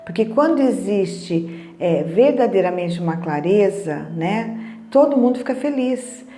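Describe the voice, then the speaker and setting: A woman's voice: medium pitch, expressive, a little slow, warm tone, roomy sound, faint music behind. A middle-aged Brazilian woman giving a casual talk on emotions, chatty, often asking "né?" and retelling conversations. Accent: Brazilian Portuguese. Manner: conversational, frequent tag questions, retells dialogue. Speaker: emotional wellness speaker. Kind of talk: casual teaching monologue.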